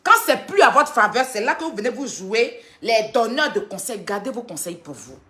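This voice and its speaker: A woman rants on a livestream, defending herself against critics. Her voice is high and bright, and her pitch swings widely as she retells the quarrel. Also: expressive, moderate pace. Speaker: social media personality. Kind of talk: livestream rant addressing critics.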